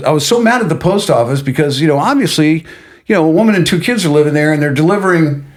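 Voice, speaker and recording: A middle-aged man, a guest on an interview podcast, telling a personal story in a casual, animated way and acting out what others said. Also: a little high, quick pace. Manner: animated, acts out quotes of others.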